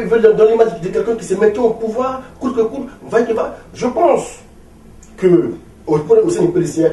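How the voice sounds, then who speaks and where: A high-sitting, dark-toned male voice belongs to an Ivorian opposition party leader in his forties, interviewed in French with an Ivorian accent. His delivery is emphatic and rhetorical, with phrases repeated. Captured on a distant mic in a roomy room, faintly noisy.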